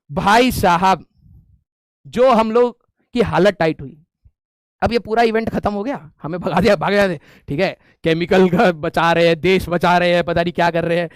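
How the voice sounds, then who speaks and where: A man teacher telling a funny story to his class, animated and laughing often. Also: extremely high pitch, no echo, clean studio sound. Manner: animated, laughing, frequent filler checks.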